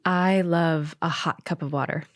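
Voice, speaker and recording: Low-voiced calm woman, dry close sound. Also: a little slow, dry recording. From Hong Kong. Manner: calm, earnest, many soft fillers. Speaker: guest, Chinese medicine practitioner. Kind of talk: conversational interview.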